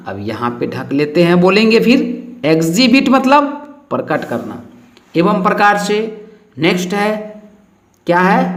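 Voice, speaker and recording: A high, lively-voiced man teaches English vocabulary, repeating each word and asking his students questions to drill it. His voice swings up and down a lot, and it rings in an echoey room.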